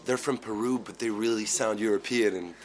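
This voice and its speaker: A man, a band's bassist, chatting in an animated way, swearing casually and laughing. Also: fairly quick, a little hiss or hum. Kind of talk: casual interview chat.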